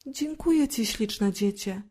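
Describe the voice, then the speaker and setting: A gentle, grateful swallow, put on by a woman reading a fairy tale. The voice is warm and kindly, lifted a little, with a mellow, dark tone. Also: fairly high pitch, measured pace. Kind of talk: storybook reading.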